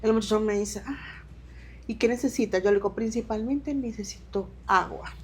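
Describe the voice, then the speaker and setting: Venezuelan woman recounting her migration, halting. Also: on the high side, darkish tone, a little hiss or hum. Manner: halting, with restarts and quoted dialogue. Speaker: interview guest. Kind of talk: emotional personal testimony.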